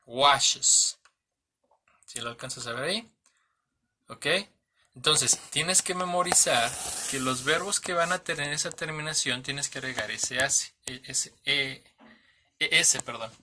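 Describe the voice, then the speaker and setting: Bright-voiced man teaching grammar. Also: mid-range voice, a little hiss or hum. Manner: patient, checks in often with "¿sale?" and "¿ok?"; spells out letters slowly, restarts and corrects himself. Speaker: English teacher. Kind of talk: online grammar lesson.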